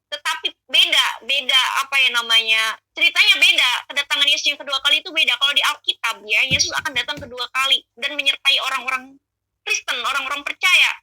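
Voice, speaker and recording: Earnest high-voiced woman sharing her testimony. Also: fast, pushed and bright, no room sound, poor audio. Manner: earnest, emotional, addresses listeners as friends. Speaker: convert giving a testimony. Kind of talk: spoken personal testimony.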